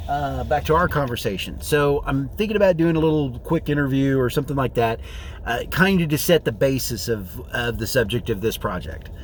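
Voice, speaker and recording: This is a man's medium-pitched voice with slight background noise, talking informally in a rambling vlog. He records on his phone from inside a car, musing aloud while faint vehicle ambience hums behind him.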